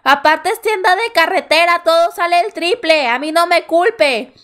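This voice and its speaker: A woman's voice: very high voice, normal speed, fairly bright tone. A woman voicing a rude, grumbling roadside shop clerk, scornful and complaining.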